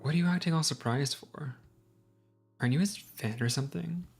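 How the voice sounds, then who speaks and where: A woman voicing a blunt, sharp-tongued teenage girl who teases and scolds. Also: low voice, normal speed, creaky, faint music behind, voice pushed up. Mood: teasing. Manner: teasing, scolding.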